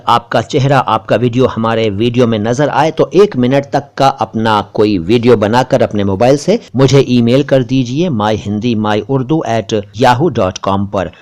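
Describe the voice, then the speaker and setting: A man's voice: medium pitch, darkish tone. A man from India, hosting a vocabulary lesson and carefully repeating each word for pronunciation. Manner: recites couplets slowly and repeats words for pronunciation. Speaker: language teacher and channel host.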